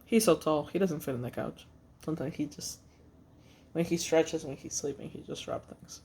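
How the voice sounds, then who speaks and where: A woman recounts a personal story for her vlog in an unpolished, halting way, trailing off and restarting often. Her voice carries a gravelly, creaky edge, and she swears freely and bluntly. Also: low voice, animated, warm tone, slight background noise. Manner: halting, with many fillers and restarts. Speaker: vlogger.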